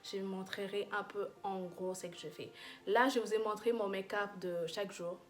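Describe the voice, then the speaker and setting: A woman's voice: mid-range voice, fairly even intonation, normal speed. A young woman chatting casually in a makeup review vlog, gushing and full of fillers and restarts. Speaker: beauty vlogger.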